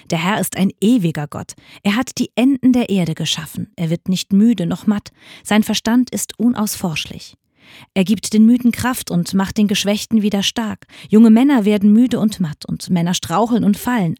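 A woman reading Bible passages aloud in a radio church service, measured and expressive. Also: mid-range voice, slightly rough, dry recording, clean studio sound. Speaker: scripture reader.

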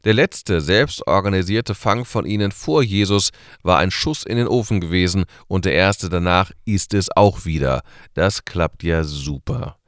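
A man's voice: low-pitched, measured pace, no room sound, clean studio sound. A man hosting a short radio church service and giving a sermon, talking conversationally with rhetorical questions.

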